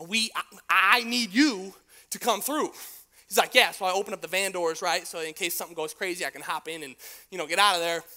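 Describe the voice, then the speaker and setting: Young male youth preacher, high and bright, lively slangy storyteller. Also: brisk. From United States. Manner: animated storyteller, slangy, swings from hushed to shouting. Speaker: youth pastor.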